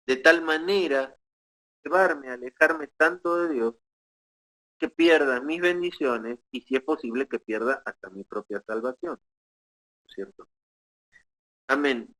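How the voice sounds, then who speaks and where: A man preaching as pastor, teaching in a measured way with pauses and short tag questions to the congregation. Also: mid-range voice, sharp tone, rough recording. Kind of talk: sermon.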